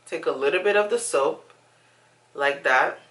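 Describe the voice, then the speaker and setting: In a roughly recorded clip, a young beauty vlogger with a low, fairly bright voice talks at a measured pace. She chats casually to camera from a small room at home, emphatic and fond of repeating words.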